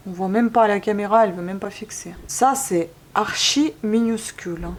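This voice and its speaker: A woman's voice: mid-range voice, normal speed. A woman vlogging casually while building a craft, joking and grumbling with lots of asides. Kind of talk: casual chat vlog.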